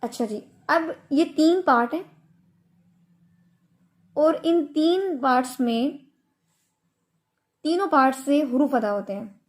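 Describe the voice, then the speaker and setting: A woman teaching Quran recitation in an online lesson, explaining patiently and stretching out her examples. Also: high voice. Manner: slow, patient explaining with drawn-out Arabic examples.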